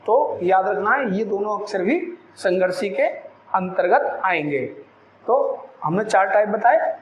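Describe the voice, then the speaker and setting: A man teaching a Hindi lesson, slowly drilling syllables aloud and repeating each point for his students. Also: sits high, expressive, reverberant, dull audio, slight background noise. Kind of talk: classroom lecture.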